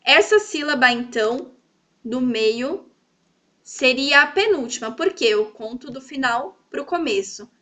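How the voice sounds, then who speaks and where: A woman teaching a grammar lesson to children, stretching out example words slowly and checking in often with her pupils. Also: high-pitched, lively intonation, pushed and bright. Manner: sweet, coaxing, checks in often.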